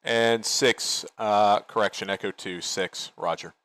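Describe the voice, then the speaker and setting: A man's voice: fairly low pitch, steady tone, measured pace, a bit bright, clear, resonant tone. A man leading an online military game as commander, giving tactical briefings and talking through plans casually on a headset.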